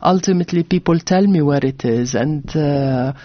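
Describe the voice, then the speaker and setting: This author from Jordan, interviewed on the radio during her book tour, tells her family story earnestly, stumbling through fillers and restarts. Her deep voice moves at a normal speed; the audio is dull and free of echo.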